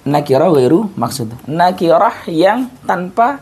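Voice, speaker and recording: A man's voice: high-pitched, big pitch swings, a little slow, darkish tone, husky. A male teacher giving a casual, repetitive grammar lesson, often breaking off mid-word and restarting. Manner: casual classroom talk with tags like "ayo" and "gitu". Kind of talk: informal recorded grammar lesson.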